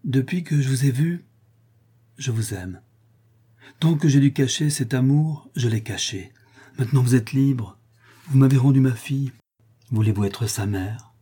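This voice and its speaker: A man's voice: medium pitch, unhurried, pauses often, mellow, breathy edge, pitched above the performer's own voice. A man voicing a passionate noble prince who pleads tenderly, in an earnest manner, for an audiobook. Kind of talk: audiobook reading.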